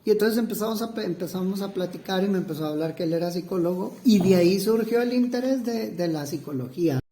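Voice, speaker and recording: Un hombre mexicano de unos cuarenta años, psicoterapeuta, que responde una entrevista con titubeos, muletillas y frases que vuelve a empezar. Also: male voice, sits high, mellow, a little hiss or hum. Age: 40s. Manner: halting, many fillers and restarts. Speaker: psychotherapist interviewee. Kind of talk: hesitant interview answers. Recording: roomy echo.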